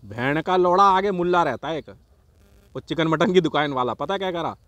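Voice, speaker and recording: A man's voice: fairly high pitch, expressive, moderate pace, a bit bright, no room sound. A man telling a crude neighbourhood story in casual profane chat, often breaking into laughter. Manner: laughs often, heavy swearing, quotes neighbours.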